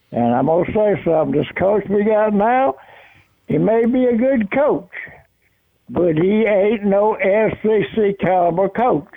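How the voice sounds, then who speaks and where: A man's voice: high-pitched, gravelly, no echo. A man, calling in to a sports radio show and talking in a plainspoken, emphatic way, repeating himself for emphasis. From South Carolina. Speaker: caller. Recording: tinny phone line.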